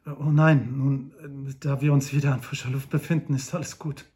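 A man's voice: medium pitch, level tone, normal speed, a little mellow, lightly acted. A man playing a polite, shaken banker. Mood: earnest.

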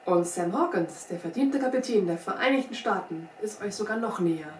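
A woman's voice: mid-range voice, animated, a little fast, natural voice. Woman putting on a wily old frontiersman, folksy drawl, wry and cocky, roomy distant recording, faint hiss. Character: sly little old male frontier scout, giggling.

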